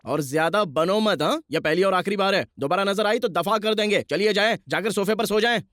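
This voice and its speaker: A man's voice: sits high, fairly quick, background noise, natural voice. A man dubbing an exasperated young hero who scolds and mocks in a brusque way, over film music. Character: exasperated young male hero, gruff and dismissive. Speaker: dubbing actor. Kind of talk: Hindi film dub. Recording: film soundtrack with music behind.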